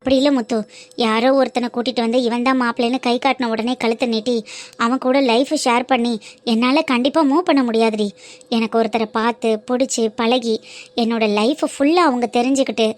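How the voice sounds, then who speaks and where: A woman's voice: fairly high pitch, steady tone, close to an everyday voice. A woman voicing Seetha, a young college student in a cartoon who talks earnestly and firmly about her family. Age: young adult. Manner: earnest, firm and quick-spoken. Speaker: cartoon character. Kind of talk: cartoon voice acting.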